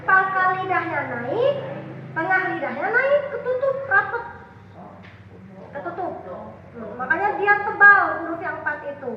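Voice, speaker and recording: High-voiced woman teaching in an echoey hall. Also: lively intonation. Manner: quizzes the class, then repeats sounds slowly in drawn-out demonstrations. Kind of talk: classroom teaching. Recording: echoey hall, far from the mic, dull sound.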